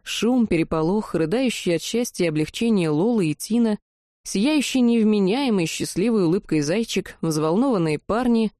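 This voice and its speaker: A woman reading a first-person fantasy audiobook in a wry, lively storytelling manner. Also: medium pitch, moderate pace, dry recording, clean studio sound. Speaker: audiobook narrator.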